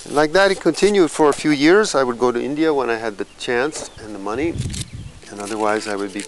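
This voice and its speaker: A man in his fifties from California, a musician telling his life story in a slow, reflective documentary interview, pausing and restarting as he thinks. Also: medium pitch, a little hiss or hum, low-quality recording. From California, USA. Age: 50s. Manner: slow, thoughtful, with pauses and small restarts.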